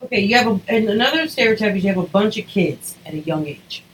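A woman's voice: mid-range voice, lively intonation, quick pace, slight background noise, rough recording. A woman hosting a casual podcast, leading the discussion and teasing her co-hosts. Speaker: host reading topics.

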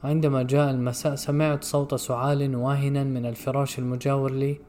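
A man narrating a literary story in a measured, somber way. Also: mid-range voice, little pitch movement, dark tone, slight background noise. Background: faint music.

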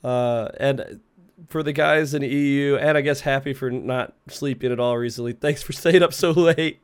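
Male podcast host, stuffy nose from a cold, relaxed casual chat, mid pitch. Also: normal speed, smooth. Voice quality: congested, stuffy nose from being sick. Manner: laid-back, sweary, laughs often. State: sick with a cold. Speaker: host of a gaming talk show. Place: remote online group call, streamed.

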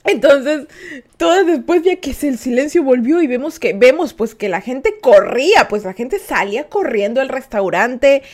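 A young woman from Ecuador, hosting a podcast and telling a story to listeners in a casual, animated way. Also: sits high, normal speed. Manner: animated, acts out voices and laughs while telling. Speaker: podcast host.

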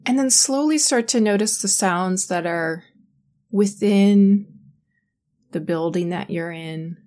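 Slow, soothing woman guiding meditation. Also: mid-range voice. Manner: slow, soothing and calm, with long pauses. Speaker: meditation guide. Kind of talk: guided sleep meditation.

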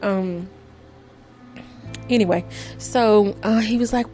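A middle-aged woman chats to her viewers in an easygoing vlog voice, telling stories with excited, dramatic repeats. Her pitch sits in an ordinary middle range, with faint music playing behind her. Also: takes it slowly. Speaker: vlogger. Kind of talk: casual storytelling to viewers.

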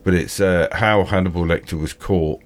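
A British man with toothless, slightly slurred speech, hosting a casual film chat in a halting, repetitive, rambling way. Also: low-pitched, fairly even intonation. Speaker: film discussion host.

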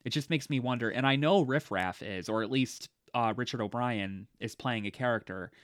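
A man's voice: medium pitch, moderate pace, a bit bright, no echo, clean studio sound. A man co-hosting a podcast, chatting casually about a film, with lots of fillers and frequent laughter. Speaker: podcast co-host. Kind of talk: casual movie discussion.

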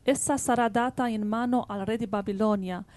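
A woman reading Bible verses aloud in a quiet, steady voice. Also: fairly high pitch, normal speed, dry recording. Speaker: scripture reader.

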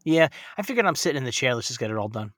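A man's voice: medium pitch, big pitch swings, rapid-fire, a bit bright, no echo, studio quality. A middle-aged man co-hosting a casual podcast, chatting informally and emphatically from inside a closet. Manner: informal, emphatic, swears freely. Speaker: podcast co-host. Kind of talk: casual chat. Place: inside a clothes closet at home.

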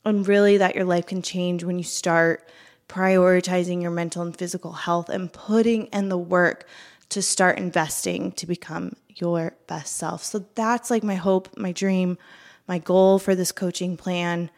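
A woman's voice: fairly low pitch, steady tone, a little slow. Give me a chatty young woman coaching her viewers, slightly breathless and upbeat. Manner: chatty, upbeat, filler-heavy. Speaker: fitness coach. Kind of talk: casual talk to camera.

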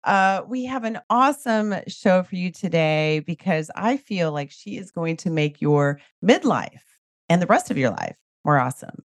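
Nasal, congested middle-aged woman hosting, lively pitch. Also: moderate pace. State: under the weather with a cold. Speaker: podcast host. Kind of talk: upbeat scripted podcast introduction and chat.

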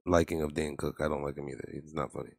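A man's voice: extremely low pitch, level tone, fast, vocal fry. A man co-hosting a comedy podcast who drops dry roasting jokes in casual chat. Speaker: podcast co-host.

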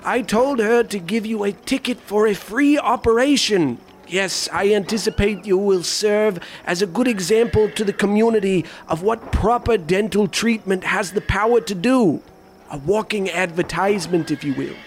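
Comic drama dentist, acted by a man: high-pitched, formal, salesmanlike, pleased with himself, light background noise. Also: moderate pace. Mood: smooth, courteous. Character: self-important, courteous gentleman travelling dentist. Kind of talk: comic audio drama acting.

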